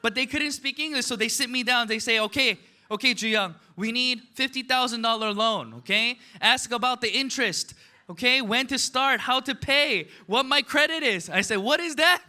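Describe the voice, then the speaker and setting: This motivational speaker from the United States addresses a seminar audience with questions, punctuating his points with "right?" and "okay?". He speaks at a moderate pace in a very high, sharp-toned voice.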